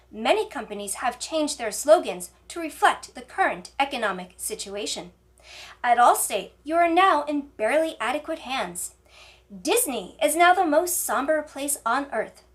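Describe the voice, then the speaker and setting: A woman delivering scripted parody news as an anchor, in a deadpan newsreader manner. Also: high voice, moderate pace. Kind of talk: scripted mock newscast narration.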